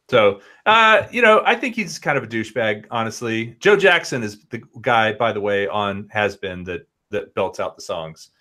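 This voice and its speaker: A man in his late forties, a guest on an online video-call chat, telling rambling stories in a lively, animated way. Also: lowish voice, measured pace. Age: 40s. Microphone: headphones and laptop on a video call.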